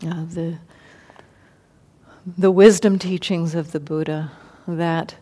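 A woman meditation teacher giving a dharma talk, thoughtful and unhurried, pausing and restarting as she explains. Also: fairly low pitch, steady tone, warm tone. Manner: thoughtful, many fillers and restarts. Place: meditation hall.

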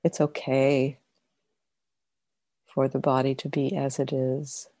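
Leading a guided meditation, a female meditation teacher speaks very slowly and gently in a low, mellow voice, leaving long silences between brief phrases. Her delivery is flat, and the sound is close and dry with no room sound.

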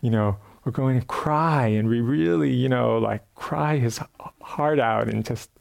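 A man giving a dharma talk at a meditation retreat, telling a story in a relaxed way with many fillers and restarts, sometimes acting out sounds and quotes. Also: mid-range voice, measured pace, gravelly. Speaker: meditation teacher. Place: retreat center meditation hall.

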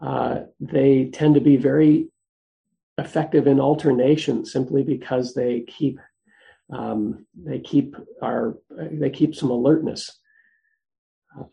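In this low-quality recording, a soft-spoken man guides a meditation, gently explaining each posture with frequent pauses and fillers. His voice is dark, mellow and low in energy, turning gravelly at the bottom of its range, and he speaks at an easy, patient pace.

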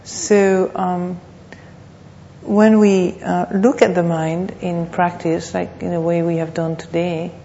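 A woman gives an unscripted dharma talk as a meditation teacher, speaking reflectively and haltingly, with pauses and repeated phrases. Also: on the low side, little pitch movement, warm tone, slight background noise. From Thailand. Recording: muffled, reverberant hall.

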